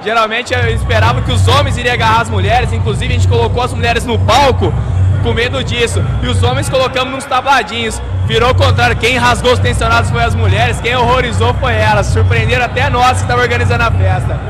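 A man's voice: very high voice, flat delivery, quick pace. A young man, the party organizer, earnestly explaining the event on a handheld mic. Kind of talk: casual party interview. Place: by a painted wall at an event venue. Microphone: handheld interview mic. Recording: loud club music and crowd behind.

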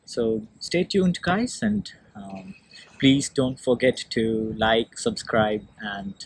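A man chatting casually to his phone camera for a vlog, relaxed and full of ums, with a small laugh now and then. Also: medium pitch, takes it slowly, gravelly, breathy edge. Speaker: vlogger. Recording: noisy street phone recording.

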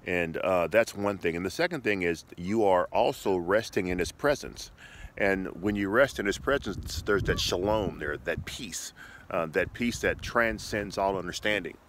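A man's voice: sits low, moderate pace, a bit bright. A middle-aged man preaching in an informal, conversational devotional style, encouraging his listeners and often repeating his phrases, recorded on a phone held at arm's length outdoors. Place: outdoors by a shoreline path. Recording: clear outdoor ambient noise.

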